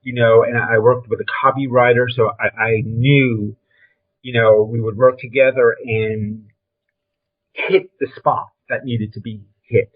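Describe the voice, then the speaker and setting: An older man with a Brooklyn accent, interviewed about his years in film trailers and design, speaks unhurriedly in a mid-range voice that barely moves in pitch. He is emphatic, blunt and conversational, and the recording sounds thin, like a phone call.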